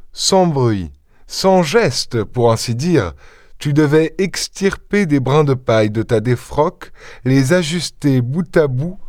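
A man voicing a self-assured, mocking gentleman burglar in an audiobook, teasing and ironic with lively high flourishes. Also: no echo, studio quality. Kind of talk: audiobook character voice.

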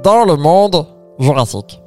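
A man with a notably high voice plays along in an improvised audio adventure, talking in a playful, hesitant way and repeating his words. Music runs behind him. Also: big pitch swings, unhurried, a little mellow. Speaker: co-host of an improvised adventure story. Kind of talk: improvised audio storytelling in dialogue.

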